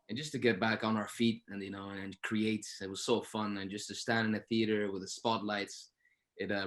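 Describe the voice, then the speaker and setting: This interview guest is an actor at a post-show Q&A, speaking with earnest emphasis and often circling back over the same phrases as he thinks. His voice is on the low side, with a fairly bright tone.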